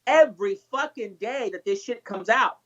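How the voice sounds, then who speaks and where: A man's voice: very high voice, moderate pace, a bit bright. A man co-hosting a casual livestream, blunt and ranting, swearing freely. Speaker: co-host. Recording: dull lo-fi audio.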